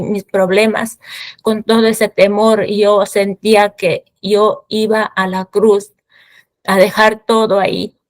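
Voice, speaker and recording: Slow, halting woman giving testimony. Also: a little high, no room sound. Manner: halting, repeats words, fervent prayerful tone. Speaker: testimony speaker. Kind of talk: personal faith testimony.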